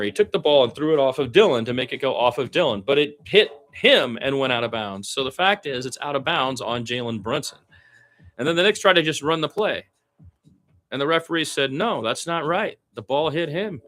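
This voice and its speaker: This live basketball radio commentary comes from a man whose medium-pitched voice is expressive, a bit bright, and a little fast. He moves between play calls and his own opinions in a chatty style while soft music plays in the background.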